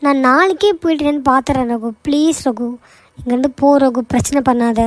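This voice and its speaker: Brief: woman playing a timid cartoon heroine, high voice, pleading, dry close sound. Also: brisk, no room sound, natural voice, poor audio. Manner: pleading, apologetic. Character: young woman office worker, meek and pleading. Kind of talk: cartoon voice acting.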